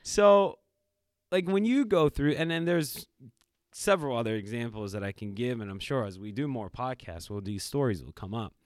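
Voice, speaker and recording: This podcast co-host is a middle-aged man with a medium-pitched voice at a normal pace, captured in clean studio sound without any room echo. His casual conversation is reflective, animated storytelling full of fillers and restarts.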